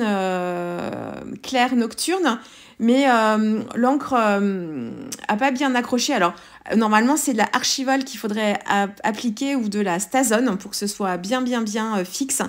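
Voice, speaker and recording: A woman's voice: fairly high pitch, moderate pace. A woman with a French accent talks through her art journaling page in a casual tutorial voice-over, hesitant and full of fillers and restarts.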